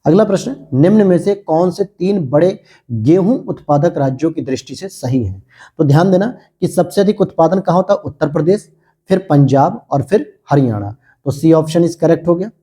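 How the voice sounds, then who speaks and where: A man's voice: fairly high pitch, expressive, normal speed, warm tone, breathy edge. A man teaching an exam prep lesson, asking questions aloud and answering them himself. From India.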